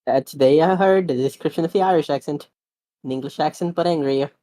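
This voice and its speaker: A woman chats playfully on a live call, with a low voice for a woman. The sound is dry and close, with no room echo. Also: quick pace. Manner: chatty, lively and playful. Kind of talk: casual chat.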